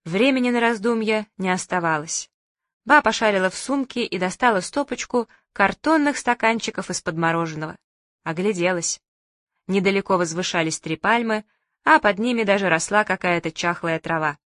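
Woman narrating a lively story. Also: mid-range voice, moderate pace, no room sound, studio quality. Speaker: audiobook reader. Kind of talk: scripted narration.

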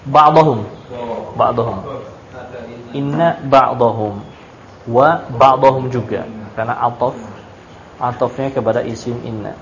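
A man's voice: medium pitch, unhurried, long pauses. A man teaching Arabic grammar in a classroom, quizzing his students and stressing points emphatically. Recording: echoey dull room recording.

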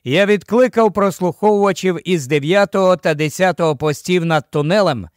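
Guy reading an audiobook in first person, measured storytelling, voice on the high side, dry close mic. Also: no echo. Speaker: audiobook narrator.

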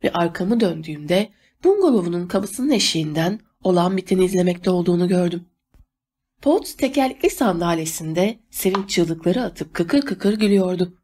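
A woman reading a novel aloud as an audiobook narrator, steady and measured. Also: on the low side, husky. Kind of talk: scripted narration.

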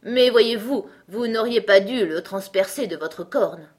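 A woman's voice: on the high side, moderate pace, pitched above the performer's own voice, natural voice. A woman voicing a nervous, fussy king who mutters and trembles in a storybook reading.

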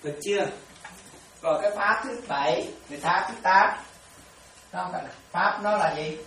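Lady giving a dharma talk, low-ish voice, far from the mic in a really echoey room. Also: moderate pace, a bit bright, a little hiss or hum. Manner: repetitive, keeps checking whether listeners follow. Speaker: Buddhist teacher. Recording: echoey room, distant mic, faint ambience.

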